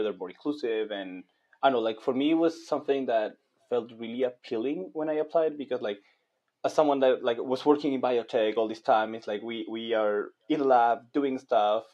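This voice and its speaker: Young man from Chile, guest on a call, headset, halting filler-heavy speech, somewhat muffled audio. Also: mid-range voice, a little mellow. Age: young adult. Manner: hesitant, many fillers like "like" and "um". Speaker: guest, master's student. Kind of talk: casual interview on a video call. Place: small bright room indoors. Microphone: headset on a video call.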